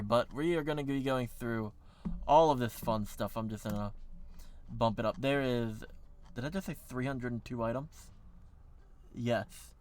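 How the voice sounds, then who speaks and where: A man's voice: mid-range voice, clean tone. Rambling American man streaming casually. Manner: rambling, filler-heavy, self-correcting. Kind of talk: casual livestream chat.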